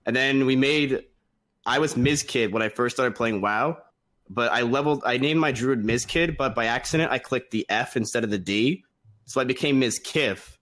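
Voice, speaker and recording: A man's voice: mid-range voice, normal speed, a bit bright. A man chatting on a casual podcast, telling a story in a rambling, easygoing way.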